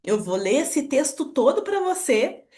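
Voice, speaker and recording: A woman's voice: high-pitched, sing-song, a little slow, a little mellow. A woman teaching a French lesson online, upbeat and encouraging, talking straight to the viewer. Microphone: computer screen recording voice-over.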